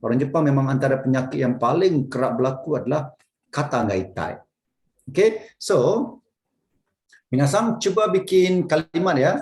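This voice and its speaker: A man's voice: medium pitch, expressive, normal speed, darkish tone. A man teaching a casual online Japanese class, patiently repeating words for his students to echo.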